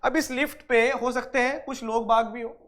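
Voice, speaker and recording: A man's voice: extremely high pitch, fairly even intonation, moderate pace, a bit bright. A man teaching an engineering exam-prep class. He asks questions and answers them himself, repeats points, calls students dear and brother, and mixes in English technical terms. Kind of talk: online lecture.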